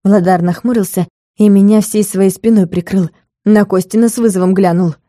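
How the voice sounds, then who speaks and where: A woman narrates a first-person novel aloud, ironic and lively. Her voice is warm and mellow, recorded close and dry. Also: mid-range voice, moderate pace, no echo. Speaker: audiobook narrator.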